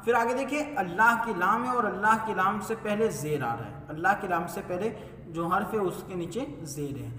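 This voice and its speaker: A man's voice: high voice, normal speed, bright, forceful tone. A man teaching a step-by-step recitation lesson, who asks himself questions and then answers them. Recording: echoey hall, mic far off.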